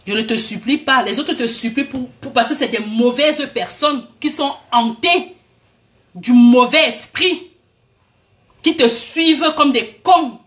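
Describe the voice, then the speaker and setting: A woman's voice: high voice, measured pace, a bit bright. A woman, ranting heatedly at people she addresses directly, accusing them and repeating herself. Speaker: vlogger. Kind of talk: angry direct-address rant.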